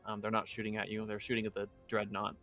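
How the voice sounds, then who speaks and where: A man narrating as game master of a tabletop game, relaxed and often laughing, with many ums. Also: lowish voice, quick pace, soft background music.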